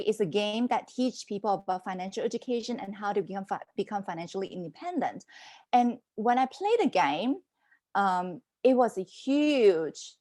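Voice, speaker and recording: On a podcast, a woman in her forties shares her life story in an animated, conversational way, as casual interview storytelling. Her pitch is medium; she is a business mentor raised in Hong Kong and Canada.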